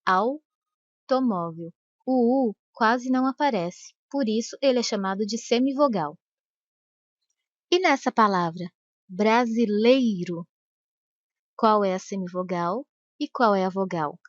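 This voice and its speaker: A woman teaching a grammar lesson, speaking slowly and carefully and stretching out the sample words. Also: mid-range voice, no echo. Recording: dry, dull lo-fi voice-over.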